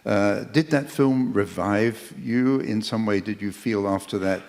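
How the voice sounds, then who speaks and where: A man interviewing on stage, asking long, measured questions with fillers. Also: fairly low pitch, darkish tone. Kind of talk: onstage interview. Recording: echoey hall.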